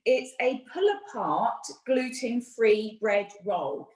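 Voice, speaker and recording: A woman's voice: a little high, expressive, slow, darkish tone, echoey room, poor audio. A British woman chef and nutritionist giving a friendly, chatty cookery demonstration from her home kitchen, explaining each step.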